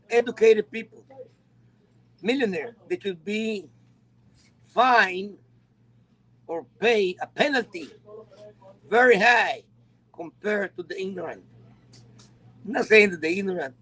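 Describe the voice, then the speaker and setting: A man with a notably high voice talks in English as a second language, his first being Spanish. He tells his story emphatically in a relaxed chat, his grammar a little loose. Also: measured pace, pauses often, rough recording. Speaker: guest. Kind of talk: casual chat.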